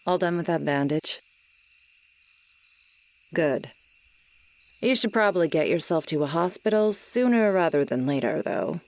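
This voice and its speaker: In this acted ASMR roleplay, a woman plays a lonely swamp monster who used to be human, her gruffness and guardedness hiding that loneliness. She talks low and slowly to the listener in a grudging, brusque mood, halting and intimate, with an expressive, darkish tone. Night swamp sounds of insects and frogs play in the background.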